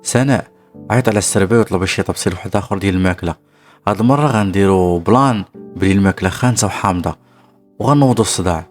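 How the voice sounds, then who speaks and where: Ibtissam, a man doing a sharp-tongued Moroccan schemer. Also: deep voice, racing, soft background music, close to an everyday voice. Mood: bossy. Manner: loud, indignant complaining. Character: scheming young woman, bold and sharp-tongued.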